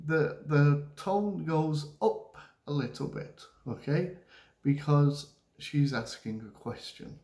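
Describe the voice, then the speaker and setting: Slow, patient male English teacher. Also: fairly high pitch, a little mellow. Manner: patient, repeats "okay?" after nearly every point; acts out example lines with rising and falling tone. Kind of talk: classroom lesson on reading aloud. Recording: echoey room.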